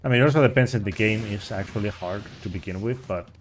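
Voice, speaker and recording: A man's voice: fairly low pitch, fast talker, a little hiss or hum. A man giving casual, rambling commentary as he streams a speedrun. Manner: rambling and chatty, with frequent restarts and "like".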